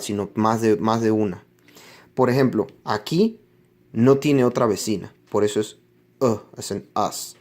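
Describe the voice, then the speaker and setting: Slow, patient male English teacher. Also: fairly low pitch, a little mellow. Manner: slow, patient explaining with repeated example words. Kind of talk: classroom lesson on English pronunciation.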